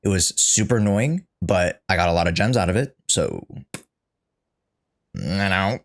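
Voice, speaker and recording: A young livestreamer with a low, unhurried voice and vocal fry reacts to a game's story. His chat and commentary are casual, jokey and sweary.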